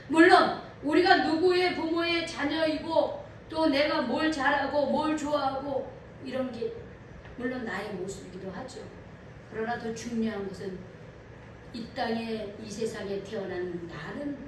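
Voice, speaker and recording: A woman pastor preaching a sermon in a church, animated and asking her congregation questions. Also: fairly high pitch, a little hiss or hum. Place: church sanctuary. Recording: echoey hall from far off.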